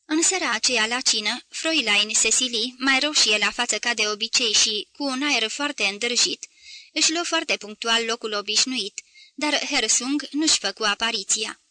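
A woman reading a novel aloud as an audiobook, telling the story at a measured pace and lightly voicing the characters' lines. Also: a little high, pushed and bright, no room sound. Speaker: audiobook reader. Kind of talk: scripted literary narration.

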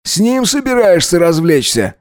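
A man's voice: moderate pace, no room sound, studio quality, lightly acted. A man voicing a drunk, spiteful young man who mocks and snaps at those around him, in an audiobook reading. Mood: taunting. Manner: mocking, shrill, aggressive.

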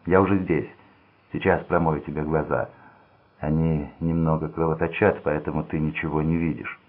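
A man voicing a tense young man who gives his injured brother curt, irritable orders, in a low, husky voice on a phone-like recording. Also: little pitch movement, moderate pace. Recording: tinny phone-like sound.

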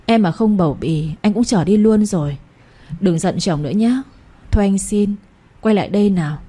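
A woman voicing a young husband who coaxes and flatters his sulking wife. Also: mid-range voice, moderate pace, husky, natural voice. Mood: coaxing. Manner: coaxing, flattering.

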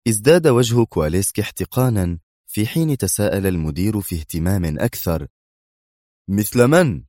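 A man with a very low, deep voice reads a thriller audiobook. His narration is measured and dramatic, with a dry, close sound. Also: animated, dark tone, no room sound.

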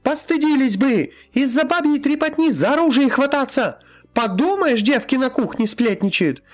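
A man reading an audiobook, voicing a brash young female healer who loudly scolds everyone. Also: very high voice, animated, moderate pace, soft background music, pitched above the performer's own voice. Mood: scolding shrill.

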